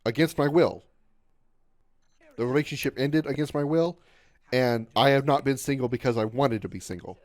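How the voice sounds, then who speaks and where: A man in his thirties, a game streamer, chats casually on his livestream in a mid-range voice at a moderate pace, pausing often. He rambles and repeats himself, stumbles over words, and glumly runs himself down.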